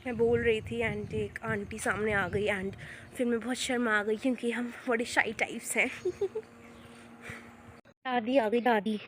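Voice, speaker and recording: A woman's voice: fairly high pitch, steady tone, unhurried, long pauses, fairly bright tone, slight background noise. A teenage girl chatting casually in a student vlog, self-mocking and switching between Hindi and English as she walks outside and later talks at home. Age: teens. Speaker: student vlogger. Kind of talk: casual Hinglish vlog chat. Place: outdoors on a morning walk, later at home.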